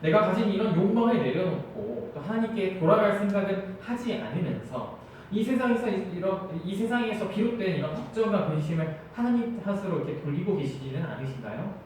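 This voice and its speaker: A man's voice: high voice, lively intonation, brisk, a little mellow, slight background noise. A man in his twenties preaching a sermon as an evangelist, telling stories earnestly with frequent hesitation sounds. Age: 20s. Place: large church hall. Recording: very echoey church hall, mic far off.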